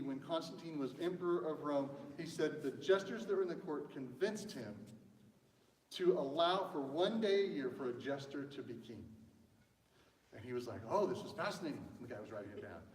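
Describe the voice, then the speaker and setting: A man's voice: fairly high pitch, darkish tone. A man preaching a casual sermon, telling stories in a chatty way and joking with the congregation. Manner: chatty storyteller, acts out quotes. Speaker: pastor. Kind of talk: casual sermon with audience banter. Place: church sanctuary. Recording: echoey church hall from a distance.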